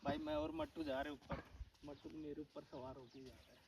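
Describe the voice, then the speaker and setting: A man with a sore, hoarse throat talks his viewers through an outing in open country. His chat is loose and friendly, and he keeps calling them brother. Faint outdoor noise sits behind his voice. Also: fairly high pitch, wildly swooping pitch, brisk. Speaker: vlogger. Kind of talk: casual outdoor vlog narration. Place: outdoors on sand dunes and a forested hill.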